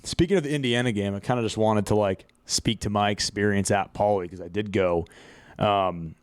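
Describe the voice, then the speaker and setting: Low-voiced man telling a rambling story. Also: moderate pace, clear, resonant tone, dry recording. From USA. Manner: rambling storyteller, swears casually, laughs mid-sentence. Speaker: podcast host. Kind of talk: casual sports podcast chat.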